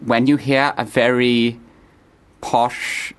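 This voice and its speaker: Male comedy guest, deadpan, hesitant delivery, mid-range voice. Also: mid-range voice, slow, clear, resonant tone. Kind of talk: deadpan character comedy interview.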